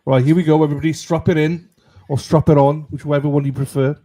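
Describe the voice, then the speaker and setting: Mellow-voiced man chatting casually on a livestream. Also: a little high, flat delivery, quick pace, slight background noise. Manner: irreverent, sweary, matey. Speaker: livestream host. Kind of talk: casual chat with live stream viewers.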